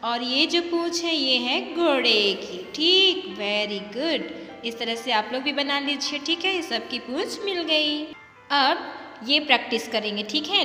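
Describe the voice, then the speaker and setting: A woman's voice: sits high, bright, forceful tone. A woman teaching a kindergarten Hindi lesson, patiently spelling out words sound by sound and often checking "ठीक है" with the children. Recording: echoey room with faint music.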